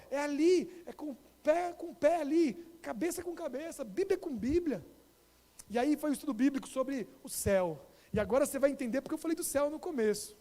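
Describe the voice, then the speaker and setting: A Brazilian pastor with a Brazilian Portuguese accent, telling a story in an animated sermon and addressing the congregation directly. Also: male voice, extremely high pitch. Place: church. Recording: long reverb of a church hall.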